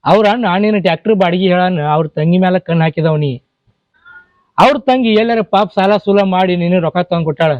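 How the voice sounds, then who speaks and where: A man plays a moralizing village man with a North Karnataka accent and a somewhat high voice. He scolds and lectures, in a slightly dull recording with faint music behind. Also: fast talker, no room sound, close to an everyday voice. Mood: scolding. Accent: North Karnataka Kannada. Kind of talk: short-film acting.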